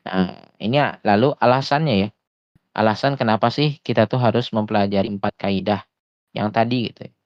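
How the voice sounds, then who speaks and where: A man teaching Quran recitation in an online lesson, explaining patiently with frequent hesitations and slowing down to demonstrate sounds. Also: fairly low pitch, no room sound, dull audio. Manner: often slows to demonstrate sounds. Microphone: voice chat headset or desktop mic.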